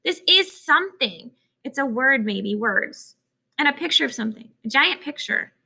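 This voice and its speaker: A woman reading a children's novel aloud as an audiobook, with steady, expressive storytelling. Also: high voice, normal speed, gravelly, breathy edge. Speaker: audiobook narrator. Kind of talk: scripted narration of a children's novel.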